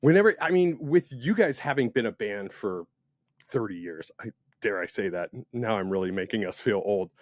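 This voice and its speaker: A man hosting a podcast in a casual interview, talking with enthusiasm and big swings in loudness. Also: on the low side, animated, moderate pace, no room sound, clean studio sound. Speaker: podcast host.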